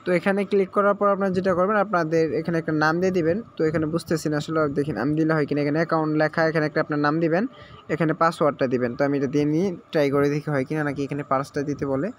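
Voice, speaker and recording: A man's voice: fairly high pitch, level tone, rapid-fire, slight background noise. A man walks viewers through an app sign-up step by step, checking in often and mixing English words into his speech. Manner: repetitive step-by-step instructions, frequent check-ins. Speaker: tutorial host. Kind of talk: screen-recorded app tutorial.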